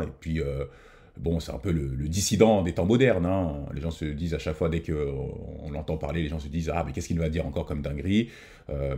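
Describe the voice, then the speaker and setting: A man's voice: rumbling low, mellow. A man hosting a reaction video, talking casually with many hesitations and restarts. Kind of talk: casual commentary.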